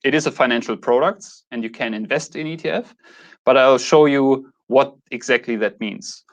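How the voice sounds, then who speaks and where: A man in his mid-thirties with a German accent introduces his YouTube channel, talking casually to camera. He sounds a little hesitant and corrects himself along the way. His voice is medium-pitched, at a moderate pace.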